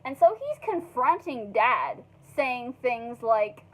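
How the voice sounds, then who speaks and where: Animated high-voiced young woman telling a story. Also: slow, slight background noise, rough recording. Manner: animated, profane storytelling with many fillers. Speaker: vlogger. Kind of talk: storytime vlog.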